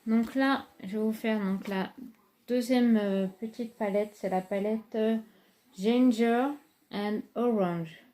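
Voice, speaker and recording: A woman's voice: fairly high pitch, steady tone, a little slow, warm tone. A woman, casually reviewing makeup palettes in a chatty, hesitant way with many fillers. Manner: enthusiastic about products. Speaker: beauty vlogger.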